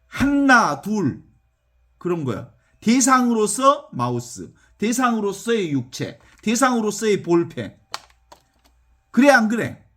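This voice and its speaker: Middle-aged male priest, high lively voice, folksy sermon that keeps checking with the listeners. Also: slow pace. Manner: animated, folksy, asks listeners "right or not?". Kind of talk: sermon with text reading.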